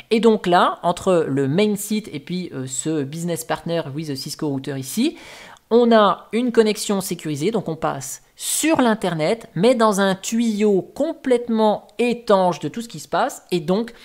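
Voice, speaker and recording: Patient man explaining tech step by step. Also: sits high. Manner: patient, step-by-step teaching with casual asides. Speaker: tech tutorial host. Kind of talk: explaining a tech topic over diagrams.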